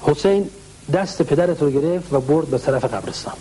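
A man with a slightly high, mellow voice lays out historical accounts as a religious scholar answering a question. He clears his throat often and slows down for Arabic quotations. A faint hum sits under the recording. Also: lively intonation, low-quality recording. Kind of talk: explanatory talk retelling historical accounts.

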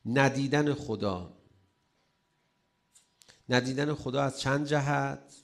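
A preacher delivers a religious sermon at medium pitch with vocal fry. He poses rhetorical questions and slips in playful humor, alternating loud emphasis with soft asides.

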